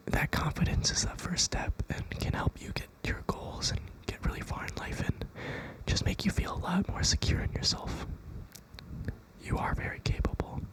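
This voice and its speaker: Young adult ASMR creator, fully whispered pep talk, gentle, reassuring and unhurried delivery. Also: poor audio. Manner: whispering throughout.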